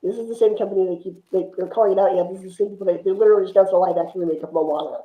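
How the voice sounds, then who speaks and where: Steady and mellow but very fast, this man's high voice carries a casual conversation about movies. As a podcast guest, he rambles and offers strong opinions. The line sounds thin and phone-like, with echo from the room.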